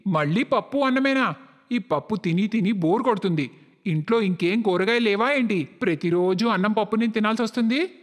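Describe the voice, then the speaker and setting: A woman's voice: mid-range voice, expressive, brisk, in a large hall, voice pushed down, natural voice. A woman voicing a fed-up adult son who grumbles in a cartoon story. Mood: grumbling.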